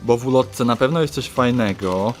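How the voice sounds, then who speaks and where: A man's voice: mid-range voice, normal speed. A man hosting a toy-unboxing video, chatting playfully and clowning as he addresses toys and viewers. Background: music.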